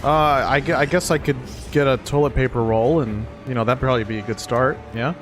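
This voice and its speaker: A man's voice: medium pitch, fairly quick, over music. A man co-hosting a game stream, chatting in an easygoing way with short replies and frequent laughs. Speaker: streamer co-host. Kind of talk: casual gameplay chat.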